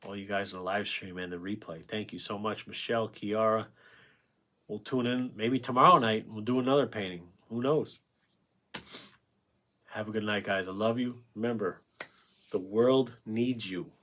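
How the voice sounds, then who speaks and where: A man hosting a painting livestream in casual chat. He rambles, answers the chat aloud and thanks viewers by name, and his voice is going a bit hoarse from talking so long. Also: on the low side, fairly even intonation, normal speed, bright, forceful tone. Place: home painting setup with ring light.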